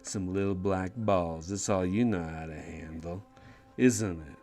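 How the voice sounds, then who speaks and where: A man's voice: low-pitched, measured pace, darkish tone, soft background music, voice pushed down. A man voicing a crude, belligerent drunk male guard who jeers and swears constantly. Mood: jeering. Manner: slurring, jeering, swearing constantly.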